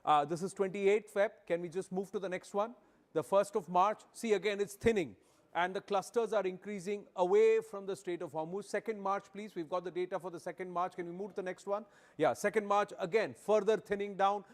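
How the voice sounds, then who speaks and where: A male news host with a North Indian accent, presenting live and giving brisk, repetitive directions in short phrases. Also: high voice, fairly even intonation.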